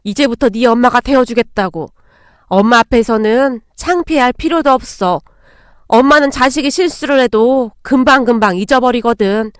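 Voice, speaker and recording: Brief: woman doing a protective older mother-in-law, firm and motherly, high bright voice, dry close sound. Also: normal speed, smooth, no room sound, close to an everyday voice. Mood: tender. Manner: firm, scolding, then tender and soothing. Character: stern but caring older mother-in-law.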